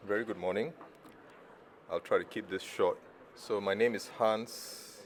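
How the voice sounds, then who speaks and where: A middle-aged male surgeon from Malaysia gives a conference presentation in a fairly low voice. He talks casually and drops wry, self-deprecating jokes between the clinical points. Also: steady tone, a little slow, a little hiss or hum. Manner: casual, joking asides, self-deprecating humour. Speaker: surgeon giving a conference talk.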